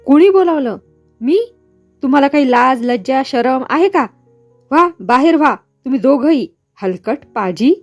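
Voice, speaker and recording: A woman's voice: high-pitched, normal speed, a little mellow, no room sound, faint music behind, close to an everyday voice. A woman voicing a furious young woman who sharply scolds the men in a story. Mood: angry. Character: furious young woman defending her honor.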